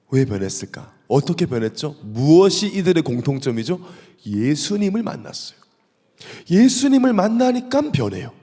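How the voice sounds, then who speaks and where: A male pastor with a Gyeongsang accent, giving a lively, humorous sermon and asking the congregation questions. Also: medium pitch. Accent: Gyeongsang Korean. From South Korea. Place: church sanctuary. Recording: echoey church hall.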